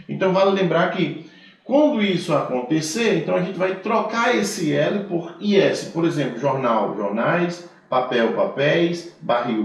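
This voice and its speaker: A male teacher with a Brazilian Portuguese accent giving a grammar lecture, explaining rules step by step and often checking in with "tá certo?". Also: medium pitch. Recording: very echoey room.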